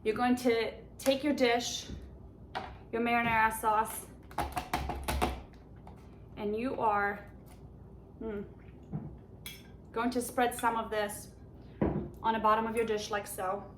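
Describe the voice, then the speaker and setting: This cooking show host, a woman with a Polish accent, leads a home cooking demonstration step by step in a chatty, enthusiastic way. Her slightly high voice moves little in pitch, comes slowly, and pauses often. The audio is echoey, with clear kitchen noise behind her.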